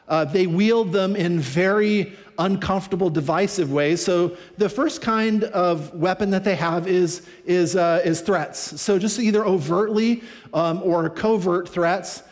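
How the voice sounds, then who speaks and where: A male pastor with a high voice preaches to his congregation in a loose, conversational way, often restarting a phrase and acting out quick quotes. A long reverb from the large hall trails after each phrase. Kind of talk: sermon.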